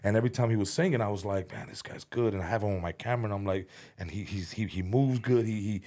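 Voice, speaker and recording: An American man, a comedian and music video director, talks as a guest on a podcast in a lowish, warm voice at a quick pace. The chat is casual and rambling, full of restarts and repeated words, and he swears freely.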